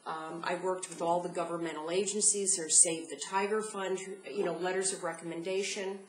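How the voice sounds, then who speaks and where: A middle-aged woman speaks in a halting, earnest way, out of breath, with a lowish voice. She is recorded at home in a roomy, echoing room with a faint hum of ambience behind her. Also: steady tone. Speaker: patient giving testimony. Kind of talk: home video testimony.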